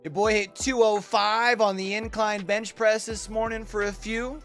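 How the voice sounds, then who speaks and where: A high-voiced man hosting a live watch party, chatting easily with his chat and greeting viewers by name. His voice comes through a livestream headset mic, with faint music playing underneath. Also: flat delivery, unhurried, a bit bright.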